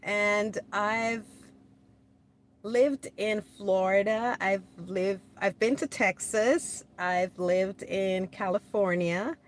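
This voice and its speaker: Speaking slowly in a mid-range voice, this livestream host chats casually from her home in California, with slight noise in the background. Born in Jamaica, she laughs frequently while responding to comments from viewers.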